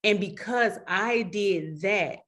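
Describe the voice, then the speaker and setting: A woman hosts a live book podcast. Her bright voice is earnest and emphatic. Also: mid-range voice, takes it slowly. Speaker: podcast host. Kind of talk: casual podcast chat.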